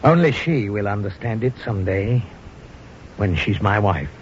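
An actor playing a hard, composed, quietly contemptuous safari hunter in a 1950s radio drama. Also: male voice, fairly low pitch, animated, moderate pace, lightly acted. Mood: grave, contemptuous. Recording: muffled old radio, faint noise.

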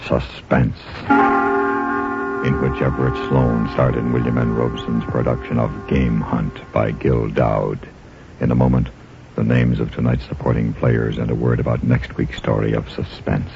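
A male announcer with an extremely deep, gravelly voice gives dramatic 1950s radio credits. Music plays behind him on the broadcast. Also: flat delivery, moderate pace. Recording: muffled vintage radio broadcast.

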